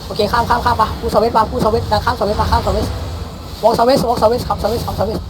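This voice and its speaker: A man calling shots in a game battle, barking rapid repeated commands and countdowns, mixing English callouts into his speech. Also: extremely high pitch, flat delivery, noisy background. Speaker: guild war shotcaller. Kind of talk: live game commands over voice chat.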